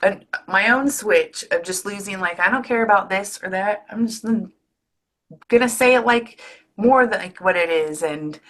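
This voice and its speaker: A woman's voice: mid-range voice, normal speed, a bit bright. Woman, forties, podcast host, easygoing and reflective, mid-range voice. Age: 30s or 40s. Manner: reflective, loose, sprinkles fillers and mild swearing. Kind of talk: casual interview chat.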